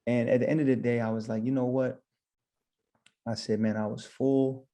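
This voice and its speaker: Gravelly-voiced man telling his story. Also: medium pitch, level tone, brisk, dark tone. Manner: rambling, retells his own thoughts as quotes. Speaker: podcast guest, barber and shop owner. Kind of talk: casual storytelling interview.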